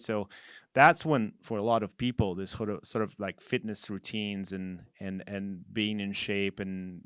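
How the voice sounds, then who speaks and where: Man, forties, low dry voice, casual co-host, many fillers. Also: clear, resonant tone, dry recording. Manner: halting, many fillers and restarts. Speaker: podcast co-host. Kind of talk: casual conversation.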